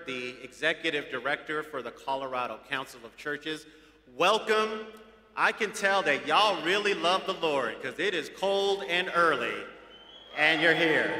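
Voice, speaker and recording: Bright-voiced man welcoming an outdoor crowd. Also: on the high side. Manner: upbeat, joking with the crowd. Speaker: presiding host of an outdoor Easter service. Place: large outdoor amphitheatre. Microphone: podium mic. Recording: echoey outdoor PA with long reverb.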